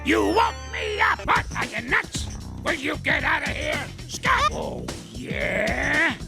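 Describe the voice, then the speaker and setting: A cranky old ape from a cartoon series, with a high, gravelly voice that crackles like an old man's. He swoops wildly up and down as he scolds and hurls insults. Music plays clearly behind him. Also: huge pitch swings, slow pace, full character voice. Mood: grouchy scolding. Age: older. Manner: scolding and name-calling, swooping wildly in pitch. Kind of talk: cartoon voice acting.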